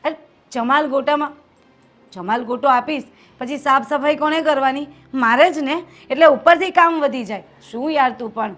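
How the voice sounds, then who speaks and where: An actress playing a hardworking, resentful daughter-in-law who complains constantly, with a Gujarati accent. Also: female voice, high-pitched, normal speed, a bit bright. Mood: impatient. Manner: complaining, aggrieved.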